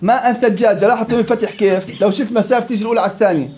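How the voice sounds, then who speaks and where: Male teacher, high voice, quizzes the room, repeats words to model them; dull, noisy classroom recording. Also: fairly even intonation, rapid-fire, a little mellow. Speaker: Quran recitation teacher. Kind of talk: classroom lesson.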